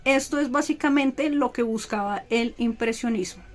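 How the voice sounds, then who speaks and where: A woman lectures a class in a fairly high voice. She explains step by step and keeps checking in with her listeners. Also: moderate pace. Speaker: teacher.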